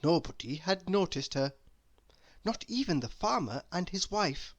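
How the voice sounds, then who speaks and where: The speaker, a storybook reader, narrates a children's story aloud in a mid-range voice, expressive and deliberate as a storyteller.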